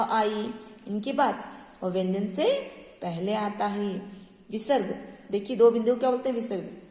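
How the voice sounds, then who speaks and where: A woman's voice: medium pitch, a little mellow. A woman teaching a primary school Hindi class, patient and repeating words, asking checking questions. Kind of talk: online class lesson. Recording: echoey room with long reverb.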